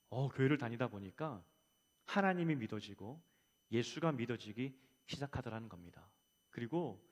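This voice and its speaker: Reverberant male preacher in a church. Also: mid-range voice. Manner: swells louder on appeals, drops soft at ends of phrases. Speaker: pastor. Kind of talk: Sunday sermon. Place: church sanctuary.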